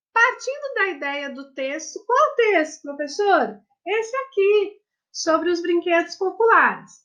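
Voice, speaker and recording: A woman's voice: extremely high pitch, bright, forceful tone, muffled recording. A woman, a primary school teacher recording a lesson for children, explaining patiently and affectionately step by step.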